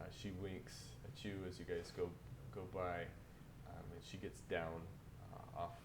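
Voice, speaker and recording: A low, gravelly male voice narrates a tabletop game as dungeon master. He laughs through the scene as he tells it. The sound is roomy, with a rumbling noise behind him. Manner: laughs while telling a scene. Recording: echoey room, noisy background rumble.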